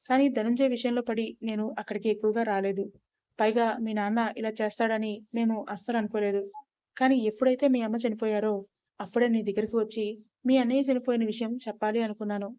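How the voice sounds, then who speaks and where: A woman's voice: fairly high pitch, steady tone, fast talker, dark tone, dry recording, natural voice. A woman voicing a blunt, guarded young male rowdy in a storybook reading, on a slightly dull recording. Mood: firm.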